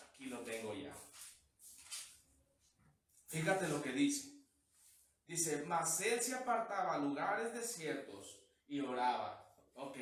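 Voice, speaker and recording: High-voiced preacher in a very echoey room. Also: male voice, a bit bright, a little hiss or hum. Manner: chatty, full of rhetorical questions. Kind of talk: conversational online sermon. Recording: very echoey room, mic at a distance.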